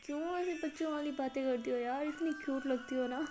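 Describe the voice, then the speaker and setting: A woman's voice: high voice, music in the background, voice pushed up, natural voice. A woman voicing a playful, doting young woman who teases her girlfriend. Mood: teasing. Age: young adult. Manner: playful, doting, exclaims often.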